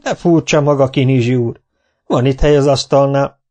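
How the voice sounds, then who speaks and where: A man voicing a practical, sharp-tongued middle-aged housewife with a raised, scolding tone in a storybook reading. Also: medium pitch, fairly even intonation, lightly acted. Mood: puzzled.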